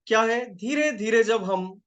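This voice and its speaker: A man's voice: high-pitched, unhurried, a bit bright, lo-fi sound. A life coach, a man, teaching a live group session in a conversational way, repeating phrases and checking that listeners follow, while feeling a little unwell.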